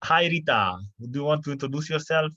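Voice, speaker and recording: A man hosting an online panel, speaking haltingly with many fillers and restarts. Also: a little high, expressive, pushed and bright, dry recording. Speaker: webinar host. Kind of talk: hesitant online panel moderation. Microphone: video call. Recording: dull lo-fi video call audio.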